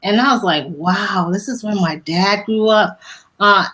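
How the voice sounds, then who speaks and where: A woman's voice: medium pitch, unhurried, rough recording. A woman from the United States hosting a casual interview, telling stories about faith and travel with frequent restarts. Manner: warm faith-based storytelling with many restarts. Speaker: host.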